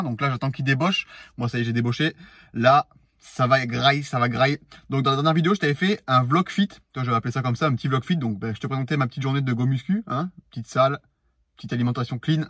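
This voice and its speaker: A young man, hosting a casual vlog with loud, slangy chat. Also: mid-range voice, racing, no echo, studio quality. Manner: slangy, loud and hyped, talking to camera. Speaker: vlogger. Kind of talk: casual chat while eating. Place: in a car, then at a table eating.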